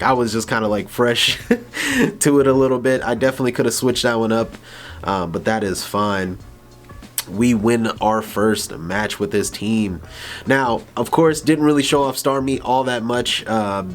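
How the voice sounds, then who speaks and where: A young man talks through a video game battle in a relaxed, rambling way, with fillers and short laughs. His voice sits at an ordinary middle pitch for a man. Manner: rambling, laid-back, laughs and stumbles over words. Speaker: gaming YouTuber. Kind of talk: casual gameplay commentary.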